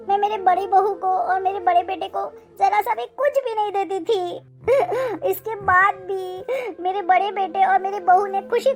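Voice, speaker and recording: A voice actor playing an aging village mother-in-law in an animated moral story, who scolds and then turns tearful and apologetic. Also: very high voice. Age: older.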